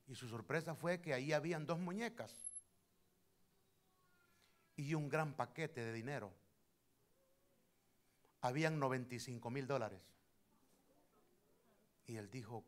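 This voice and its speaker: A male pastor preaching a sermon in church, telling anecdotes and stressing lines loudly while addressing the congregation as brother. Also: mid-range voice. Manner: storytelling with sudden loud emphasis, addressing the congregation as brother.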